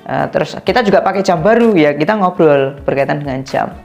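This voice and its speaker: A woman giving an instructional talk on youth coaching, acting out sample conversations with a lifted, lively voice. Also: brisk, gravelly, faint music behind. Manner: acts out sample dialogues with rising lively pitch. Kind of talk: instructional talk with role-play examples.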